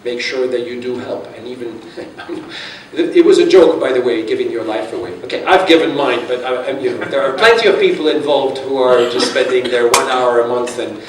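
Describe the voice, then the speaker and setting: A man's voice: mid-range voice, a little fast, few pauses, a little hiss or hum. A man giving a conference talk and taking audience questions, chatty and self-deprecating, with many restarts. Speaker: conference speaker. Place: conference hall. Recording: echoey hall from far off.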